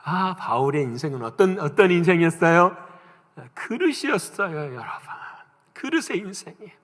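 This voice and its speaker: A male pastor delivers a Sunday sermon with a fairly high, highly animated voice. He swings between loud, emphatic points and soft, whispered asides. His words ring out through the long reverb of a church sanctuary. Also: moderate pace. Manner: dramatic swings between loud acted quotes and hushed whispers.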